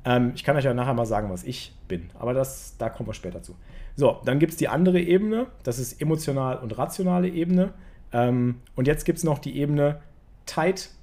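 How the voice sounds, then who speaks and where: A man's voice: mid-range voice, fairly quick, mellow. A man giving a casual online poker lesson, talking straight to his viewers with lots of fillers. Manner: chatty, many fillers, addresses viewers directly. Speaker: poker coach.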